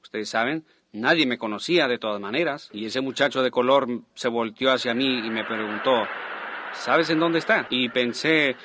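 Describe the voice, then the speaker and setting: A man dubbing a preacher's sermon into Spanish, telling a personal story in an animated way and acting out the quotes. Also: medium pitch, normal speed, hardly any pauses, background noise.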